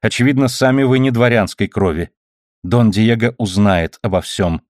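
A man reading the part of a proud young noblewoman who answers in firm, offended, sharp retorts. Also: on the low side, moderate pace, no echo, clean studio sound, natural voice. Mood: scornful. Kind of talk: audiobook character reading.

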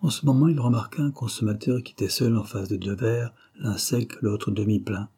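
Guy reading a novel aloud, husky dark voice, calm steady narration. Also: on the low side, moderate pace. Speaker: audiobook narrator. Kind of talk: scripted narration.

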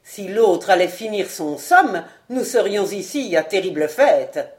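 A woman's voice: medium pitch, lively intonation, a little slow, lightly acted. A woman voicing a cruel, ironic male ex-acrobat who mocks his dying foe, in a storybook reading. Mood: mocking. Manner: ironic, sneering.

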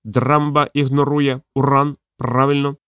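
A man's voice: medium pitch, level tone, fairly bright tone, smooth, no echo, studio quality. Man doing a cryptic talking parrot. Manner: halting, repeats clipped words slowly. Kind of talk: audiobook character voice.

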